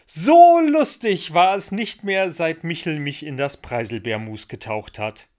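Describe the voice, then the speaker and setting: A man voicing a cheerful, trusting little girl in a storybook reading, with a high squealing childlike voice. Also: moderate pace, a bit bright, lightly acted. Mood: shouting gleefully.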